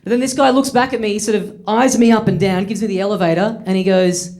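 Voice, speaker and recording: A man's voice: high voice, fairly even intonation, fast talker, a little mellow. A young Australian man telling a story in stand-up, wry and self-deprecating, laughing through his lines before a live audience. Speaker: stand-up comedian.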